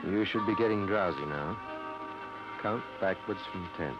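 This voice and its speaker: An actor playing a calm, probing army psychiatrist in an old radio drama, measured and formal. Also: male voice, deep voice, loud music behind the voice. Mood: calm, clinical. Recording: dull, noisy vintage radio recording.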